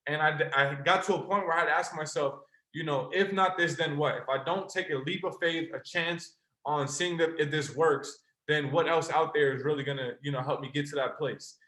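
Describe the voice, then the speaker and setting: A young adult man, a trading mentor, gives an earnest, passionate motivational sales pitch to a live online call, speaking straight to his listeners. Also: steady tone, fairly quick, sharp tone. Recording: roomy echo.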